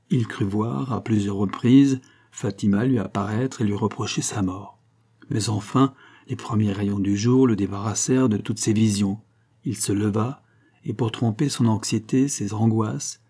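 A man giving a scripted, dramatic and expressive narration of a classic novel. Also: lowish voice, breathy edge. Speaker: audiobook narrator.

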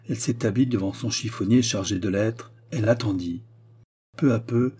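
Man, audiobook narrator, low and husky, measured dramatic reading. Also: dark tone. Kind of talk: scripted literary narration.

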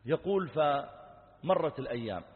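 A man from Saudi Arabia preaching with growing passion, reciting verse and telling a story, his voice rising almost to shouts. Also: a little high, animated, measured pace. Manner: impassioned, rising to near shouts. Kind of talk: sermon with recited poetry and a story. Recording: tinny echoey lecture hall recording.

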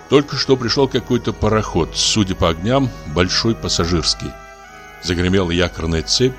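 A man narrating a classic literary audiobook in an expressive, measured reading. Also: low voice.

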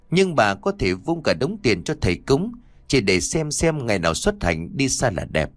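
Male narrator, ghost-story audiobook, animated delivery, dry studio voice. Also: mid-range voice, dry recording. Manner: expressive storytelling.

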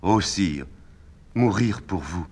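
A man's voice: low-pitched, lively intonation, slow pace, darkish tone, voice pushed up, exaggerated voice. A man reading a fervent, adoring young lieutenant. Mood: devoted. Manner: fervent, devoted.

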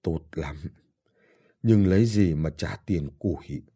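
A man reading as a frail old father on his deathbed, in pain and speaking weakly. His voice is deep, dark and husky, and it pleads for the daughters he misses. The character comes from an audiobook. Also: slow pace, exaggerated voice. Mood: despairing. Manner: weak, pained, pleading.

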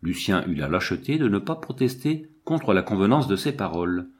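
Low-voiced man narrating a novel. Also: sing-song, normal speed. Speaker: audiobook narrator. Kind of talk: literary narration.

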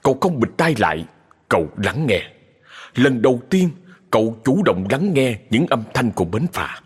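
A man narrating a sad ghost story in a slow, dramatic storytelling manner. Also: medium pitch, big pitch swings, slightly rough. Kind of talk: scripted horror story narration. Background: music.

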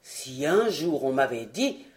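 A woman reading an audiobook, voicing a big, clumsy, good-natured strongman in a lowered voice. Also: big pitch swings, slow, full character voice. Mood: easygoing.

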